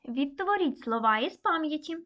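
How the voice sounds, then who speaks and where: A woman teaching a recorded online primary-school lesson, dictating words slowly and clearly. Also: high voice, animated, dull audio. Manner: slow, clear, deliberate dictation.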